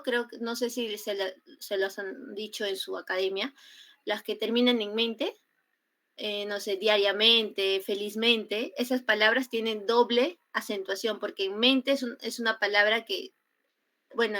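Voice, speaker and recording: A young woman with a Peruvian Spanish accent giving an online grammar class, explaining slowly with many fillers and repetitions over a computer mic. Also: mid-range voice, bright, forceful tone. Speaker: student tutor teaching grammar. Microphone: computer mic on a video call.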